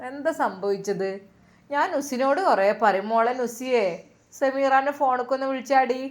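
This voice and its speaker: A woman voicing a tender, devout elderly mother with a Malappuram accent, speaking slowly and fondly. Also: high voice, fairly even intonation, natural voice. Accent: Malappuram Malayalam.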